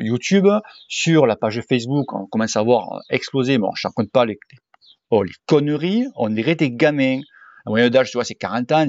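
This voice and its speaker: A man in his forties, a cycling YouTuber and sports coach, responds to viewers' questions in a casual vlog with a southern regional French accent. His mid-range voice comes through a dull, dry home recording with no echo, and his style is blunt, slangy and full of swearing.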